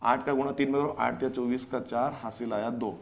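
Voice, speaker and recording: A man's voice: mid-range voice, steady tone, moderate pace, creaky. Man teaching math to children. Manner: explains step by step, often asks and answers himself; addresses students as children, repeats key phrases. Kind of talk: online math lesson.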